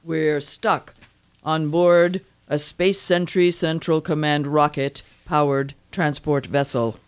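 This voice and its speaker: An actor playing a male robot lieutenant who talks in a precise, mechanical monotone. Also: fairly high pitch, takes it slowly, smooth, no room sound. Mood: flat.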